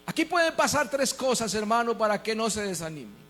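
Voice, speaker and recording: A man with a Colombian Spanish accent preaching a sermon as pastor, dropping to quiet asides and rising to shouted emphasis. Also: sits high, sing-song, fairly quick.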